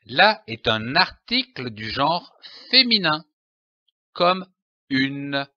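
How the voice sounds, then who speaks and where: A man teaching pronunciation in a slow, deliberate lesson, spelling out letters and syllables one by one. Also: on the high side, sing-song, sharp tone, dry recording. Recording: dry, dull lo-fi voice-over.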